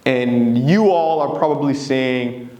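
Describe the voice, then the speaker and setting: A man's voice: medium pitch, slow pace, warm tone, reverberant. A man from Congo, giving an earnest, engaging presentation to an audience. He often checks in with them. His first languages are Swahili, Lingala and French. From Democratic Republic of Congo.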